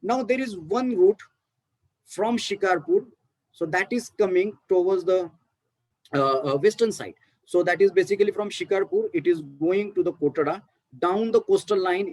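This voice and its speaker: A man with an Indian English accent gives an academic presentation on archaeology, walking through it step by step with many fillers and restarts. His voice is high and a little mellow, captured in a rough recording with no echo.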